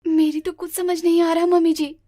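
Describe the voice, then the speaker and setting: A woman's voice: extremely high pitch, level tone, brisk, warm tone, no room sound, studio quality. A woman voicing a timid, naive young daughter-in-law in a cartoon, stammering and pleading. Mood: wailing. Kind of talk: cartoon voice acting.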